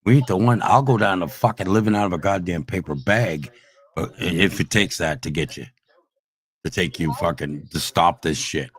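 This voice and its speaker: A man in a heated, profane livestream rant at online trolls, swinging between shouting and low growls. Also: moderate pace, breathy edge. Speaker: streamer ranting at online trolls.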